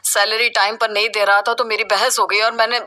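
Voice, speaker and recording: A woman doing a curt, gruff young husband. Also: mid-range voice, flat delivery, brisk, bright, forceful tone, close to an everyday voice.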